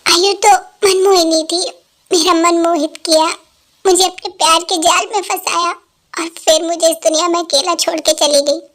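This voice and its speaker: Grieving husband, pleading and tearful, dubbed by a woman in a very high voice. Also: fairly even intonation, normal speed, a bit bright. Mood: weary grief. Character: grieving young husband, man in his twenties. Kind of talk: Hindi fan dub.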